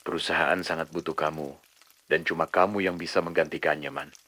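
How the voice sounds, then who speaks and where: Man voicing a firm, deep-voiced boss. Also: fairly even intonation, brisk, bright, forceful tone, full character voice. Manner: firm, insistent. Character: firm middle-aged male boss on the phone.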